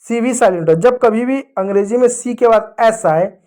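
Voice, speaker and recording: A male teacher giving an English lesson to children, slowly spelling out words letter by letter and repeating them. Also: extremely high pitch, mellow. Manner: slow, repetitive spelling-out of words.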